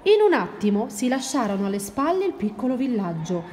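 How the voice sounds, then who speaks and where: A woman reading a children's picture book aloud with expressive, measured narration. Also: a little high, slight background noise. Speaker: reader.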